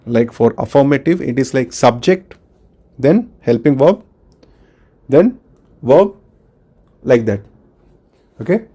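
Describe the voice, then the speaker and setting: A man's voice: medium pitch, warm tone. A man with an Indian accent teaching a school class, spelling words out letter by letter and switching between Hindi and English. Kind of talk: online class lesson.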